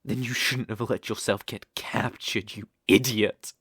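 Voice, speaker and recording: A man acts a possessive, sadistic dark elf slave master with a British accent for intimate ASMR roleplay, heavily acted. His lowish, gravelly, creaky voice is unhurried with fairly even intonation, close and dry with no echo. Taunting and condescending, he lingers over every threat, sounding angry and mocking.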